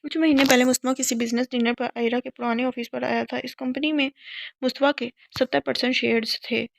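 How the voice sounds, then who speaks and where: Woman narrating a novel in a gravelly voice. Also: high voice, steady tone, no room sound. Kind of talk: scripted narration of a romance novel. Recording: dry, dull lo-fi sound.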